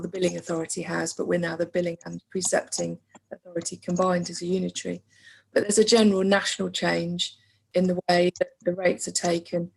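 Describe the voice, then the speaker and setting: Brief: English woman, hoarse and losing her voice, gravelly low tone, measured delivery with many ums, on a video call. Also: a little mellow. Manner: measured, with frequent ums and throat clearing. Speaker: council finance officer. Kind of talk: online meeting presentation.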